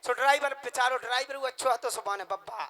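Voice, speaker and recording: Male comic storyteller, high-pitched and animated, rustic delivery. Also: fast. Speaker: comedian.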